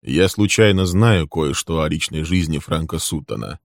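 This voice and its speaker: A man voicing a composed man who speaks slowly and evenly. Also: a bass voice, gravelly, no echo, studio quality. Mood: measured. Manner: slow, level, measured. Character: calm, composed man, coolly threatening.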